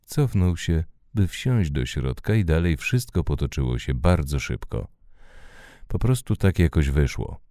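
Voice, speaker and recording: A male audiobook narrator with a very deep, dark voice that moves lively in pitch. He tells the story in a measured, expressive way, recorded dry and close with no room sound. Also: no room sound.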